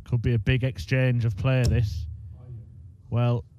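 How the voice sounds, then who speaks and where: A man giving measured, analytical darts commentary in short phrases. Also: medium pitch, little pitch movement, mellow, smooth. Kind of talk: sports commentary. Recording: dull, noisy commentary feed.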